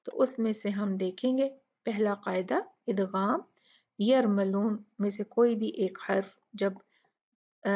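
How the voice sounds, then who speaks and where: A woman's voice: mid-range voice, creaky, darkish tone, dull audio. A woman teaching tajweed step by step, patiently repeating each sound syllable by syllable. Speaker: Quran recitation teacher.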